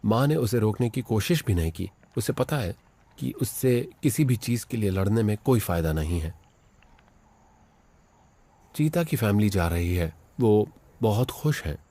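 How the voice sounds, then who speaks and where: A man narrating a wildlife documentary in a dubbed voice-over, excitedly commenting on animals as they chase and fight. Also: fairly low pitch, a little slow. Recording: with loud background music.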